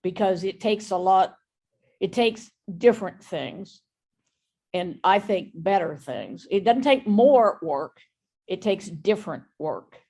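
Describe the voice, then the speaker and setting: Speaking in an online meeting, a woman appears as a guest business expert, talking frankly and sharing her opinions openly in a conversational way. Her voice is mid-pitched and a little mellow.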